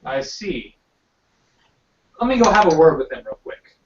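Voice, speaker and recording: A man playing a tabletop game, talking in a polite, deliberate way. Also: on the high side, sing-song. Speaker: player. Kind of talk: casual tabletop game talk. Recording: roomy, distant, dull amateur recording.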